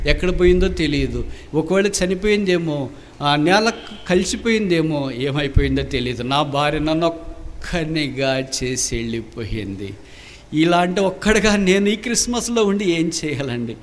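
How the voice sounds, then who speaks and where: A male preacher voicing a grieving old soldier who speaks slowly and haltingly. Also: on the high side, expressive, in a large hall, slight background noise, natural voice. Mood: sorrowful. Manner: slow, sorrowful, halting.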